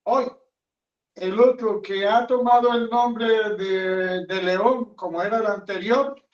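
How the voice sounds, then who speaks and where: A man's voice: high voice, fairly even intonation, slow pace. A man, a friar, preaching a homily with an emphatic, repetitive cadence and rhetorical questions, recorded in a chapel. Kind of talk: sermon. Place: chapel of a hermitage. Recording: echoey, dull sound from a distant mic.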